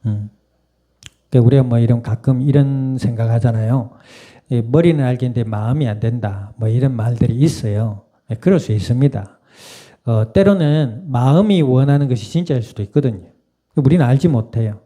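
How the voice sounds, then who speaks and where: A man's voice: mid-range voice, moderate pace, mellow. A man preaching a Sunday sermon in a conversational way, asking the congregation questions and laughing now and then. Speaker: pastor. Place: church sanctuary.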